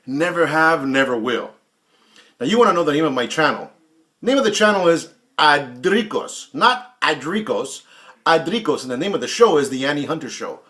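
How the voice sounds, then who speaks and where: A YouTube watch channel host, a man in his late forties, has a fairly high, animated voice that's bright and forceful, delivered at a moderate pace. He answers another vlogger casually and bluntly, with heavy profanity, taunts, and frequent repetition for emphasis.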